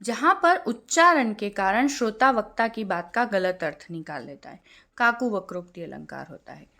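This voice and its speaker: A young woman teaching a Hindi grammar lesson in a clear, explanatory way, slowing down to recite verse examples. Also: medium pitch, lively intonation, bright, forceful tone.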